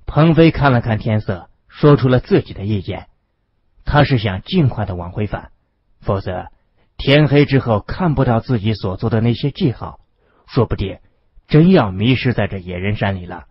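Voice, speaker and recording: Husky male audiobook narrator, lo-fi. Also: lowish voice, expressive, normal speed. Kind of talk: storytelling narration. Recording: dull lo-fi dry recording.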